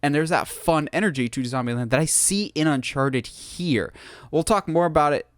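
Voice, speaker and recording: A man's voice: a little high, moderate pace, no echo, studio quality. A man hosting a podcast, talking in an enthusiastic, opinionated way in casual chat. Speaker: podcast host.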